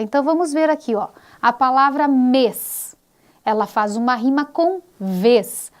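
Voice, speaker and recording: A woman with a Brazilian Portuguese accent giving a video lesson to teachers, speaking in a clear, didactic way and stretching out example words. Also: high voice.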